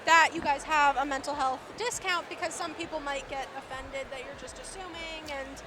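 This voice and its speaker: Against a noisy background, a woman from Canada hosts her reptile vlog at an indoor expo, chatting with vendors in an upbeat, enthusiastic way while her voice is going. She speaks at normal speed in a high, steady tone.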